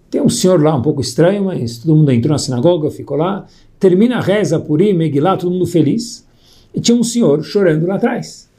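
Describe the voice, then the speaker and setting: A man telling a moral story as a sermon, lively and acting out the people in it. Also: on the high side. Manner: lively storyteller, voicing characters in quotes.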